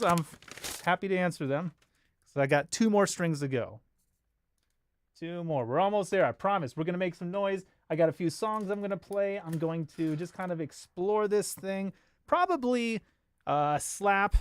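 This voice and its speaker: A bass player from Los Angeles, United States, hosts a casual livestream, chatting informally with viewers in a rambling, joking manner. His high voice is clear and resonant, captured in a dry, studio-quality recording.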